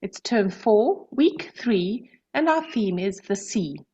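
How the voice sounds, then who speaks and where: A woman's voice: medium pitch, animated, takes it slowly, dark tone, slightly rough. A woman's recorded voice note played back through a device, giving a welcoming, instructional weekly summary for teachers. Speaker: curriculum presenter. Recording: dull lo-fi playback heard from afar.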